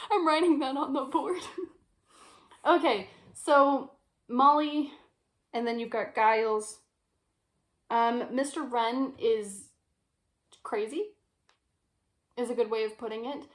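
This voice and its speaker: A young woman vlogging from her bed, chatty and giggly as she works things out aloud. Her voice sits a little high, and she often breaks into small laughs between thoughts. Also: slow pace, pauses often. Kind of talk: casual chat. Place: bedroom.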